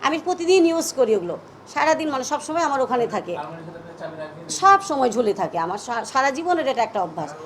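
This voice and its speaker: At a press conference, a middle-aged woman with a Bangladeshi Bengali accent first reads a statement, then recounts events in an emphatic, agitated way. Her voice is high, very animated, and fairly quick.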